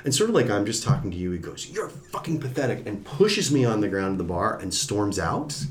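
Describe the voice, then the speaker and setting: A man's voice: fairly low pitch, a little fast. A man, a podcast guest, telling a story in casual talk and acting out the people he quotes. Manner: animated, acts out quoted voices. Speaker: podcast guest, former TV executive.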